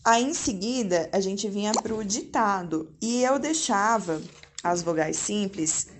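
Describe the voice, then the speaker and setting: A woman's voice: mid-range voice, lively intonation, measured pace, background noise. Chatty woman in a home vlog. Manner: chatty, frequent tag questions. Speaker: mother and vlogger. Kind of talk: casual explanatory vlog. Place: at home indoors.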